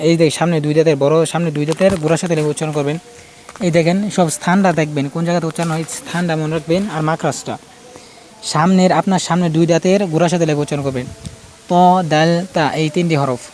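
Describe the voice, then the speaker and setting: A man with a somewhat high voice gives a casual pronunciation lesson. He repeats each letter sound patiently and keeps pointing out where in the throat or mouth it is made. Faint noise sits behind him. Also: a little mellow. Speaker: Quran recitation teacher.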